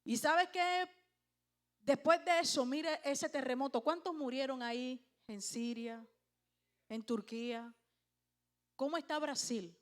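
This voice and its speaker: A high-pitched woman pastor preaches with emphatic force. She keeps tossing questions out to the congregation and drives each point home. She sounds middle-aged. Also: takes it slowly, long pauses. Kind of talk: sermon.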